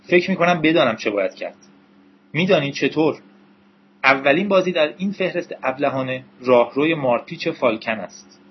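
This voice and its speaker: A man's voice: a little high, lively intonation, dull audio, a little hiss or hum, close to an everyday voice. A man voicing a brash, suspicious young male computer whiz who makes blunt, scornful remarks, in an audiobook reading. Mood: impatient.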